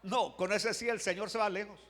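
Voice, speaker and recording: A male pastor preaching a sermon in a church, animated, swinging from hushed lines to shouts, with humorous asides. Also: sits high, a little fast. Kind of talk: Spanish-language sermon. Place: church sanctuary. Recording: reverberant church hall.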